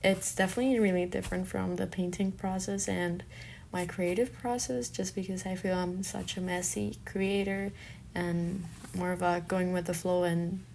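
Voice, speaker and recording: On the low side and creaky, her darkish voice stays steady at a normal speed, with slight background noise. A young artist and fine arts student, native in Spanish with a Colombian accent, she gives an informal, reflective monologue about herself.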